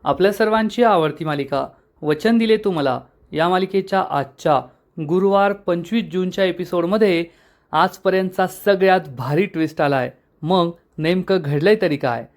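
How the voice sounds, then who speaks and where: A man recaps a serial episode in a brisk, eager storytelling voice. His pitch sits a little high for a man and he keeps an upbeat, scripted flow. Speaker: television serial reviewer.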